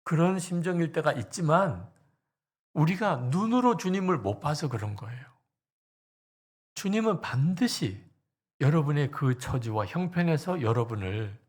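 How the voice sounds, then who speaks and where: A male pastor preaching a sermon in a church, telling stories dramatically and dropping often into breathy whispers. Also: a little high, big pitch swings, a little slow, a little mellow.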